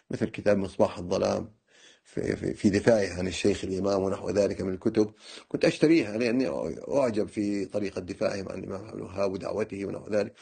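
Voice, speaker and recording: A man gives a religious lecture, recounting his own studies in the first person and wandering off on digressions, with many fillers and restarts. His voice is on the low side, creaky, warm and slightly rough.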